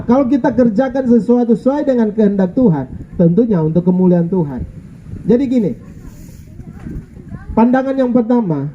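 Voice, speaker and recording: The recording is muffled as a middle-aged male pastor with a high voice gives a lively church sermon. He keeps it jokey and playful, asking the congregation for an amen.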